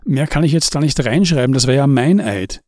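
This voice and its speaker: A man's voice: medium pitch, animated, fairly quick, a little mellow, no echo, clean studio sound, natural voice. A man reading an audiobook, voicing an easygoing, somewhat hesitant adult man. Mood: mild.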